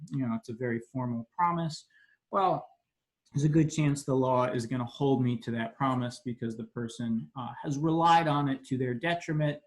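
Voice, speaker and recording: A man's voice: a little high, a little mellow. A young man, a law student, explaining contract law in an informal video lesson, talking casually with frequent fillers and restarts. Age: young adult.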